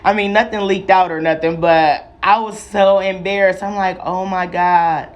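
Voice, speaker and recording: A woman's voice: mid-range voice, steady tone, measured pace, dull audio. A young adult woman vlogging a casual, profane storytime, chatty and full of slang. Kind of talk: casual storytime while doing hair.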